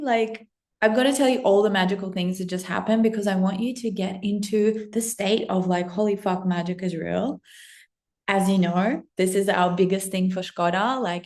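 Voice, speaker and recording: Here a Russian woman in her thirties, a spiritual business coach, delivers an excited, casual monologue directly to the camera. She has a fairly low, slightly mellow voice. Effusive and breathless, she swears freely and leans on "like" often.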